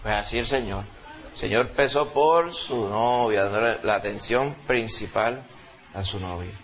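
A man with a Puerto Rican accent preaching a sermon to a congregation, emphatic, rising to loud exclamations and dropping low, often asking his listeners questions. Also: normal speed. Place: church service before a congregation. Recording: dull lo-fi recording.

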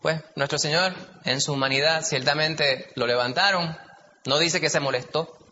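A man's voice: fairly high pitch, fairly even intonation, moderate pace, sharp tone. A man with a Puerto Rican accent leading a Bible study in a chatty way, putting questions to the group. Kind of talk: conversational Bible teaching. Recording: dull, echoey hall recording, faint hiss.

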